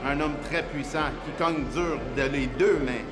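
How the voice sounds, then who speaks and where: A man talks as a boxing pundit in a documentary interview. His voice sits a little high, and loud music plays behind him. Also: a little slow, roomy sound.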